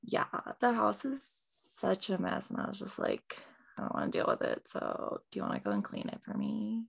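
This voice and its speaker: A woman's voice: mid-range voice, huge pitch swings, normal speed, vocal fry, slightly rough, full character voice. A woman voicing a lazy, scheming young woman, casual and offhand.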